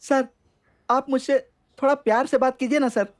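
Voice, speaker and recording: A man's voice: very high voice, fairly even intonation, moderate pace. A man voicing a boastful, cowardly government clerk in a dubbed action film, blustering and whiny. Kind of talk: Hindi film dubbing.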